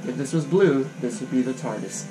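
Man doing let's play commentary, chatty, wry asides, lively pitch, guitar music behind. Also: brisk. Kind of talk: casual game commentary.

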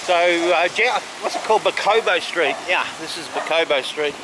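Walking down a city street, an Australian man with a voice on the high side gives a casual, halting walk-and-talk commentary for his tour vlog, pointing out sights as he goes. Street sounds and vehicle noise come through clearly in the outdoor recording.

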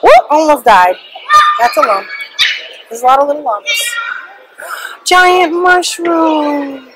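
A woman's voice: high voice, expressive, slow pace, very noisy. A young woman filming a casual vlog with a handheld camera at arm's length in an indoor shopping mall playground, bubbly and gushing over cute things. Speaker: vlogger. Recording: loud mall ambience behind.

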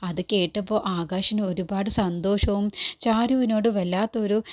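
A woman's voice: mid-range voice, moderate pace, darkish tone, no room sound. A woman casually retelling a serial episode, chatty with friendly tag words, recorded close and dry. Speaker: storyteller.

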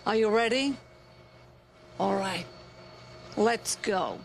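A performer playing a smug, squeamish psychiatrist with slow, soothing hypnotist patter. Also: medium pitch, vocal fry, slight background noise. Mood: soothing clinical. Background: music underneath.

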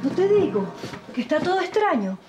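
A reproachful, suspicious wife. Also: female voice, extremely high pitch, very animated, fairly quick, lo-fi sound, soft background music. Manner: sharp, reproachful, moralizing. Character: suspicious wife lecturing her husband. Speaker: wife Rafaela. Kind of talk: telenovela acting.

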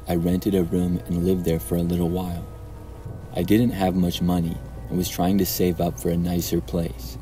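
A man narrating true horror stories in a calm, even storytelling manner. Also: sits low, slight background noise, low-quality recording.

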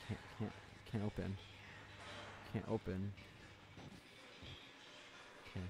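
A man giving casual gameplay commentary, swearing a lot, talking to the game's characters and yelling when startled. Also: on the low side, little pitch movement, takes it slowly, vocal fry. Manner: jumpy, yells when startled. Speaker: let's play host.

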